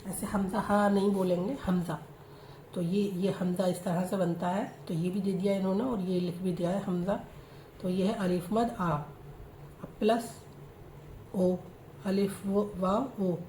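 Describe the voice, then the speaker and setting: A woman teaching a reading lesson, spelling out letters slowly and then joining them into words. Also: mid-range voice, fairly even intonation, warm tone. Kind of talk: slow spoken reading lesson. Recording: echoey room with faint noise.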